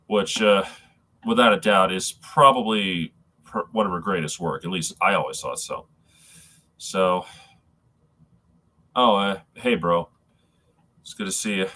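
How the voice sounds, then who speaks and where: Guy livestreaming with a blocked up packed nose, lowish but bright punchy voice, rambles and stumbles along casually. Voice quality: stuffy, congested nasal sound from a packed nose. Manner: halting, rambling, addressing viewers as folks. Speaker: live streamer. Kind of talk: casual live-stream tribute talk.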